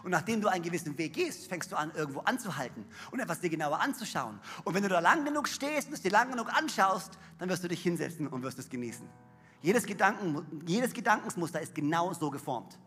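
Man preaching, very high voice, husky, energetic and emphatic, echoing hall. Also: quick pace, faint music behind. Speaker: pastor. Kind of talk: sermon. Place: large church hall on stage. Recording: reverberant hall.

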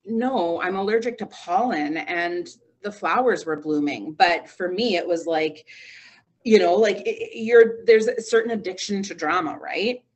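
A woman's voice: on the low side, a little slow. A woman in her thirties, a radio morning show host, talking in a casual interview and telling stories with acted-out quotes. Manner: animated storytelling, acts out quoted voices.

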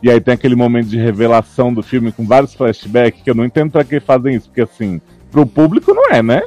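A Brazilian man co-hosting a casual podcast chat, retelling a film plot in an animated, sarcastic way with casual swearing. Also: medium pitch, fast talker, faint music behind. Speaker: podcast co-host.

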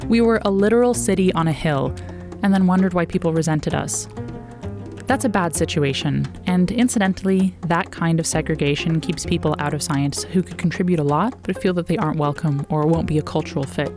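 A woman with an American accent hosting a podcast, reading scripted narration in an articulate, measured way. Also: sits low, music in the background. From northern New Mexico, United States. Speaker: podcast host.

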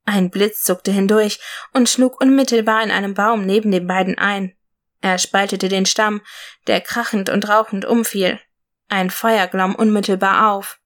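A woman narrating a fantasy fairy tale in a steady read-aloud manner. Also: mid-range voice. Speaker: storyteller.

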